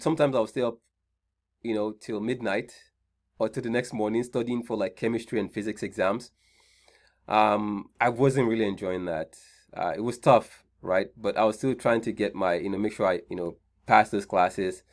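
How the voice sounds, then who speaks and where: A man with a Nigerian accent hosting an online career seminar, chatty, often repeating his points and checking in with "right?". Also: fairly low pitch. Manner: conversational, repeats key points, frequent "right?" check-ins. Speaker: seminar host.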